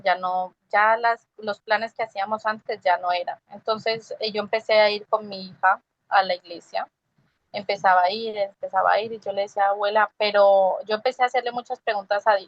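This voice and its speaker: A woman's voice: medium pitch, dry recording, dull audio. A young woman tells her personal faith testimony in a conversational way and acts out the quoted dialogue as she goes. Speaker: testimony guest.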